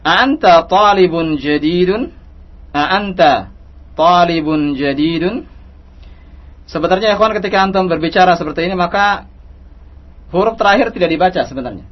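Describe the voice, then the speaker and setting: A man teaching an Arabic grammar lesson who reads practice dialogue slowly and repeats each line. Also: high voice, expressive. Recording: dull lo-fi recording.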